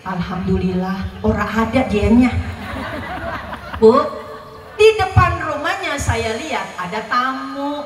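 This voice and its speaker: A woman preaches a sermon in a high, bright voice, telling a story and acting out its dialogue while addressing the women listening. She is recorded from a distance in an echoey hall, and there is faint background noise. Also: big pitch swings, slow, pauses often. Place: large venue at a religious gathering.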